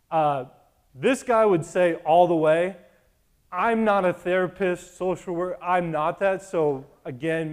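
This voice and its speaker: A man preaching a sermon in a casual, conversational way, asking the congregation repeated questions. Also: fairly high pitch. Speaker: pastor.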